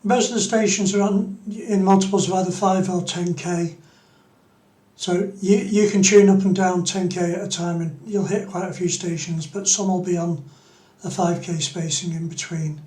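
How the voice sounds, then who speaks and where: A man with a notably high voice gives an informal, unscripted tutorial, explaining each step while demonstrating it on screen. His tone is steady and dark at a moderate pace, and a clear room echo surrounds the voice.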